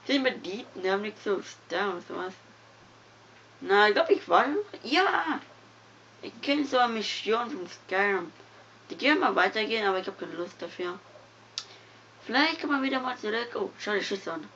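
A young woman gives loose, giggly commentary while she plays, drifting from low mutters to sudden squeals. Her voice sits at a middling pitch. The recording sounds dull and lo-fi, with faint noise underneath. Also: moderate pace. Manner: excitable, giggly, swings from mumbling to loud yelps. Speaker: gamer. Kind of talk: casual game commentary.

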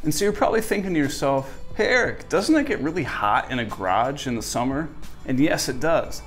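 A man's voice: a little high, lively intonation, fairly quick, music in the background. A young man in his twenties, host of a woodworking channel, giving a casual, friendly tour of his small garage workshop with a dry sense of humor, on a lapel mic. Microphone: wireless lapel mic.

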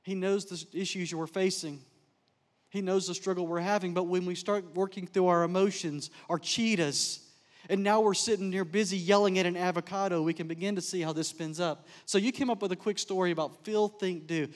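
Animated high-voiced man in a reverberant chapel. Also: fairly quick. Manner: animated storyteller, jokes and laughs with the crowd. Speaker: speaker, counselor. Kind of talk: chapel talk to students. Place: large chapel. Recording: long hall reverb.

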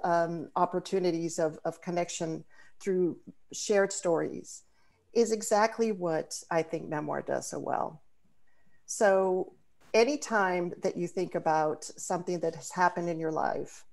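Hosting a video call event, this native Spanish speaker from the Dominican Republic is thoughtful but often uses fillers and restarts her sentences. She has a fairly low, creaky voice with a darkish tone.

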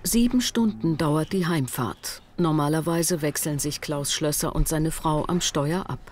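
A woman narrating a television documentary in a measured, matter-of-fact scripted voice-over. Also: sits low. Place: studio voice-over.

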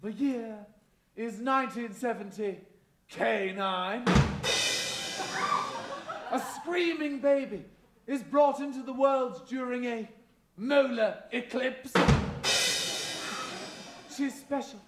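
A man's voice: very high voice, over music. A man playing a flamboyant, boastful tooth fairy godmother as a pantomime dame, theatrical and grandiose, with a sinister edge. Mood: dramatic storytelling. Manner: theatrical, grandiose, drawn-out delivery. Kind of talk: live stage pantomime monologue with audience banter. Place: large theatre stage, indoors. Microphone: distant camera in the audience. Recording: echoey noisy theatre recorded from the audience.

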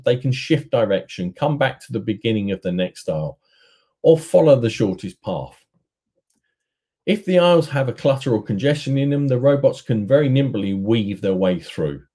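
Middle-aged guy doing a rehearsed sales pitch over webcam, lowish warm voice. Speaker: business development manager. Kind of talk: conference presentation. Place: indoor room, webcam inset.

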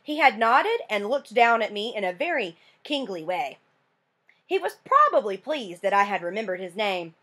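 Woman, read-aloud storytelling, expressive narration, lively pitch, middle voice. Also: normal speed, slightly rough. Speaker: teacher reading a book aloud.

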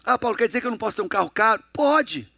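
A man's voice: animated, racing, creaky, dry recording, clean studio sound. A middle-aged Brazilian man giving an emphatic motivational lecture, firing rhetorical questions at the audience. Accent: Brazilian Portuguese. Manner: acts out dialogues in a lowered, hushed voice. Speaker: coach and motivational speaker.

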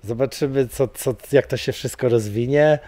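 Against a banner backdrop in a studio, a middle-aged MMA coach chats casually in an interview, rambling with plenty of fillers and repeated words. His voice is mellow and medium-pitched, at a moderate pace, with no echo.

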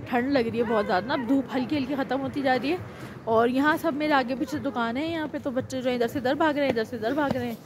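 A woman's voice: high voice, noisy background. A woman, chatting casually in a travel vlog as a mother out with her family, exclaiming at the views. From Pakistan. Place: outdoors on a cold hill station street.

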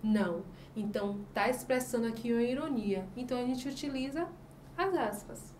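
A woman teacher with a Brazilian accent giving a review lesson for children, sounding out example words slowly and answering her own questions. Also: on the high side, darkish tone, recorded from a distance, slight background noise. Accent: Brazilian Portuguese. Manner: slow, emphatic spelling out of example words. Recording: echoey room, voice off-mic.

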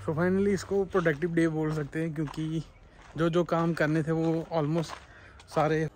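A man's voice: on the high side, little pitch movement, measured pace, darkish tone. Chatty man vlogging with background noise. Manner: chatty, explaining things on the go. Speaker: factory owner vlogger. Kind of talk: casual vlog. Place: small tile factory and car.

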